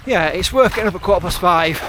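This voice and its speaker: A man's voice: high voice, expressive, fast. British man chatting on a run, noisy outdoors. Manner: wry, self-deprecating, dry understatement; talking on the move while out running. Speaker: trail running vlogger. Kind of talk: casual vlog chat to camera. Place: outdoors on open moorland hills.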